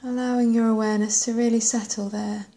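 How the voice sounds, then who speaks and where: Lady doing a body scan meditation, really relaxed dark tone, flat even pitch, slow gentle phrases that trail off. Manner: gentle, unhurried, with long pauses and trailing softly at phrase ends. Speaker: meditation guide.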